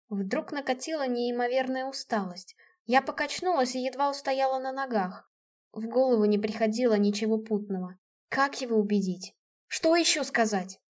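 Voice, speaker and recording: A woman reads a first-person novel aloud in a steady, expressive way. Her voice sits somewhat high for a woman. The reading is measured and even. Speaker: audiobook narrator.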